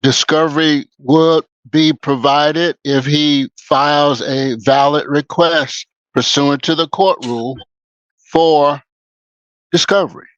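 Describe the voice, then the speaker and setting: A man speaking as an attorney in court, making a formal, measured argument. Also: a little high, steady tone, fairly bright tone, smooth, dry recording. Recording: dull lo-fi hearing audio.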